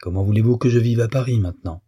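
A man reading aloud gives voice to a ruined middle-aged businessman in an audiobook, urgent and pleading. The voice is low and dark, slightly husky, with a dry close sound. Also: fast, no echo.

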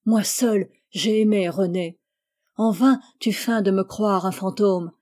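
A woman's voice: medium pitch, measured pace, mellow, natural voice. Woman reading as a passionate young native woman. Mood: indignant. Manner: urgent, impassioned delivery.

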